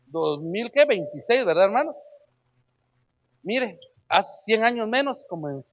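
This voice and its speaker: A husky, fairly high-pitched man preaching an emphatic sermon. He calls out to his listeners as brother and fires rhetorical questions at them. The recording sounds dull and lo-fi. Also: sing-song, measured pace, fairly bright tone.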